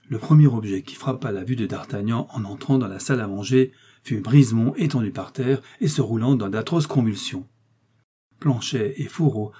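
Male audiobook reader; steady, husky, low and mellow. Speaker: audiobook narrator. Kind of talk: audiobook reading.

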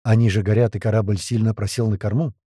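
A man reading a first-person audiobook with tense, lively storytelling. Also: fairly low pitch, fast, breathy edge, no room sound, clean studio sound. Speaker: audiobook narrator.

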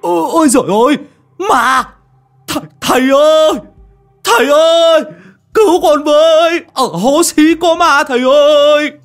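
A man's voice: very high voice, a little slow, a bit bright, voice pushed up, heavily acted. A man voicing a terrified old male ex-convict who shrieks and begs for help. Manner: shrieking, wailing, begging.

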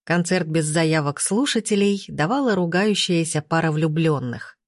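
A woman reading an audiobook aloud with slow, measured narration. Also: low voice, dry recording, studio quality. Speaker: audiobook reader.

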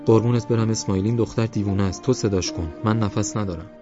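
Male narrator voicing an old scolding village woman, shaky, pitched up, dull lo-fi sound. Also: fairly even intonation, close to an everyday voice. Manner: scolding, anxious. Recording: dull lo-fi audiobook with faint music.

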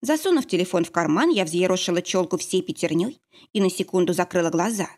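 Expressive woman narrator for a first-person thriller audiobook, lively pitch. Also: fast.

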